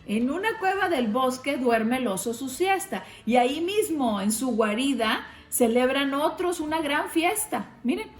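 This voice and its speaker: A woman reading a picture book aloud to children, gently pointing them to the pictures. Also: high-pitched, lively intonation, measured pace, few pauses. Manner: gentle, addresses kids, shows pictures. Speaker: storybook reader. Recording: roomy with faint music.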